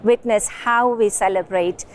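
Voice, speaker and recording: A woman from a dance group giving an enthusiastic, halting interview at an event. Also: medium pitch, steady tone, a little hiss or hum.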